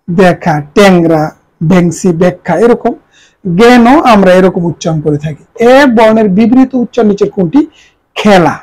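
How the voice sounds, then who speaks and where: A woman's voice: medium pitch, warm tone, rough recording. A woman who teaches a grammar lesson, explaining step by step and repeating each answer.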